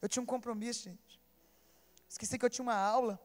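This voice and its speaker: A Brazilian woman pastor preaches with a high, bright-pitched voice, swinging between loud, urgent appeals and hushed, tender storytelling. Her voice rings out through an echoey hall with a long reverb tail. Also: steady tone, quick pace. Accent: Brazilian Portuguese. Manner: emotional storytelling, calls out to listeners. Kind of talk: sermon.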